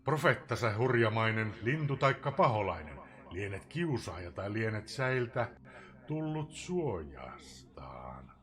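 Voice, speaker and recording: A man giving a dramatic poetry recitation, swinging between loud outbursts and hushed whispers. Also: fairly low pitch, hardly any pauses. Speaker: live streamer reading a poem.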